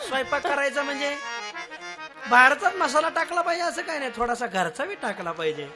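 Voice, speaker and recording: A man telling a devotional story as a kirtan preacher, animated and often laughing, a little unwell and slow on some words. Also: very high voice. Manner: animated, acts out voices of villagers, laughs often. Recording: music behind the voice.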